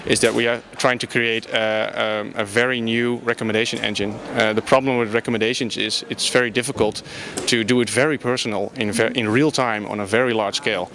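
A man's voice: mid-range voice, steady tone, fairly quick, few pauses, fairly bright tone, slight background noise. A young Dutch man, a startup founder, answering interview questions in English with many filler sounds and restarts, in a large conference hall on a handheld mic. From Netherlands. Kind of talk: conversational interview.

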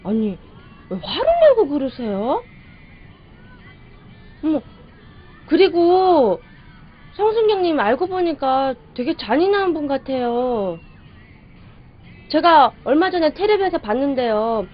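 Naive young woman in a movie, earnest, high voice, muffled sound. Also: very animated, slow, long pauses, full character voice. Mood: reproachful. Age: young adult. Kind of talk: naturalistic film dialogue. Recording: dull film audio with music.

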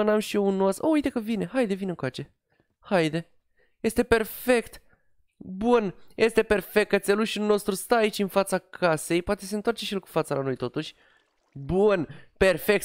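A man's voice: sits high, clear, resonant tone, dry recording. Chatty man narrating his gameplay. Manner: chatty, talks to himself and his pet dog as he plays. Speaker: gaming youtuber. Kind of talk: casual Minecraft let's play commentary.

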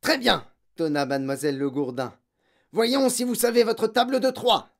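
Narrator putting on a huge brutish headmistress, barking insults, high and loud, wildly swinging pitch. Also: big pitch swings, normal speed, gravelly. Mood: furious. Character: huge brutal bullying headmistress, furious. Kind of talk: audiobook character voice.

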